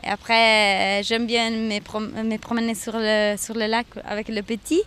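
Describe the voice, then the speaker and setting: A woman's voice: fairly high pitch, little pitch movement, moderate pace, fairly bright tone, slight background noise. A woman casually and a bit hesitantly describing her city in a street interview.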